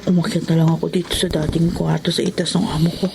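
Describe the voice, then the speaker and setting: A woman's voice: low voice, little pitch movement, fast, vocal fry, background noise. An actress playing a frightened young woman who sees a ghost, stammering and tearful, in a radio horror drama. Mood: uneasy narration. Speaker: voice actor. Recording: radio drama with loud music underneath.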